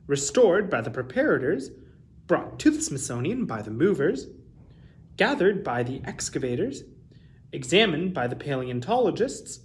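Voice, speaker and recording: With a high voice and carefully stressed delivery, a storytime host in his thirties reads a picture book aloud for children.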